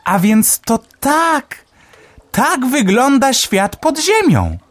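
A man voicing an eager little male sparrow in a children's audio story, with a high, lively delivery. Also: extremely slow, full character voice.

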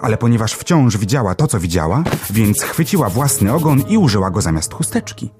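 A man narrating a children's storybook in a gentle, expressive reading. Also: fairly low pitch, brisk, music in the background. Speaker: audiobook narrator.

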